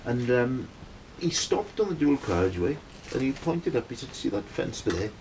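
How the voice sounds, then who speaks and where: A middle-aged Welsh man, a band member, rambles through a long personal story in a casual way, often asking his listeners "right?" to check they're following. His voice is mid-range and sing-song, his pace moderate, and there's noise in the background.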